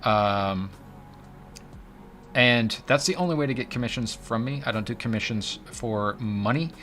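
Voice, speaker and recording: A man's voice: medium pitch, unhurried, fairly bright tone. A man hosting a casual livestream, chatty and joking, reading chat aloud. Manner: chatty, joking, drops into silly voices. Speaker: livestream host.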